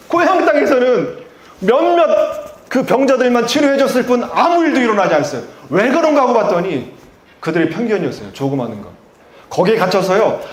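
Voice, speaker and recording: A man's voice: high-pitched, echoey room. A male pastor from Chungcheong with a Chungcheong accent, preaching a sermon and asking the congregation rhetorical questions before rising to emphatic peaks. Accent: Chungcheong Korean. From Chungcheong, Korea.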